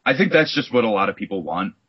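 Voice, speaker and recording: Male podcast co-host, low husky voice, rambling casual delivery, dry muffled recording. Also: very animated, fast. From New York. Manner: rambling, full of "like" and restarts. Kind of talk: casual chat recapping wrestling.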